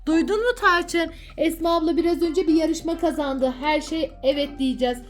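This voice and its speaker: A woman with a fairly high voice chats as a mother hosting a casual children's vlog. She is playful and coaxing, full of sing-song questions, over faint background music. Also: normal speed.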